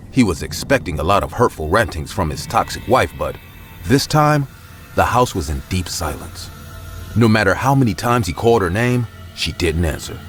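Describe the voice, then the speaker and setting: Deep-voiced man narrating a horror story.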